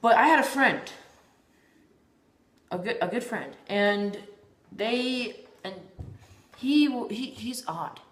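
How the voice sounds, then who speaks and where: A woman's voice: a little high, animated, slow, pauses often, reverberant. A woman vlogging in a casual, rambling monologue, often stumbling and repeating her words.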